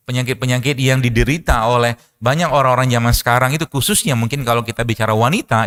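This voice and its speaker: A man with a mid-range voice gives a relaxed religious talk, moving through everyday anecdotes and advice. He tells stories lively, rising in excitement and laughing often as he goes. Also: medium pitch, smooth. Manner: storytelling, animated, laughs often. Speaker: preacher and doctor. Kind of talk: casual religious lecture.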